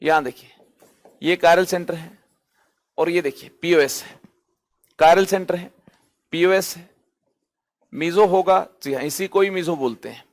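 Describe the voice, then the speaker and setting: A male chemistry teacher with a fairly high voice, lecturing to an online class. He keeps asking questions and answering them himself, and he swings up and down to stress each point. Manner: rhetorical questions answered himself, lively rises and drops; drawn-out emphasis on key terms.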